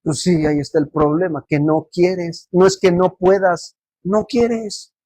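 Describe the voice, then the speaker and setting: A man's voice: sits high, fairly even intonation, a little slow, warm tone, no room sound. A man preaching a sermon as pastor, often putting questions to the congregation for them to answer. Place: church service.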